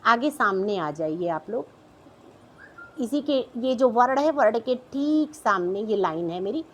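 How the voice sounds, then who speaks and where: A woman's voice: on the high side, animated, measured pace. A middle-aged woman teaching a class, patiently explaining a chart and repeating each sound, often checking in with her students.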